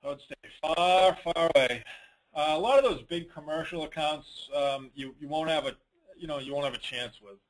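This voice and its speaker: A man hosts a dealer network conference call, answering questions in an informal Q&A and giving advice. He is blunt and colloquial and repeats points for emphasis. His voice is a little high at normal speed, and the recording is rough.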